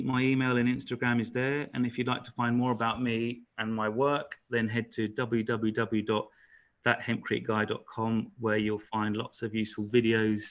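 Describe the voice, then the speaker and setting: A man's voice: mid-range voice, a bit bright. A man presenting his own building work in a webinar, plain and practical, with frequent fillers. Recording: dull lo-fi call audio.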